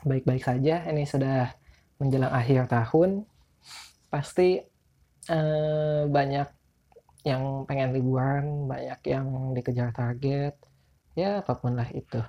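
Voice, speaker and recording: Male podcast host, Jakarta accent, dark mellow tone, can't roll his r's, loose and informal. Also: medium pitch, steady tone, slow pace, pauses often. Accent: Jakarta Indonesian. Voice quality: speech impediment on r, cannot roll his r's. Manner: informal, rambling, self-deprecating. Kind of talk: casual solo podcast chat.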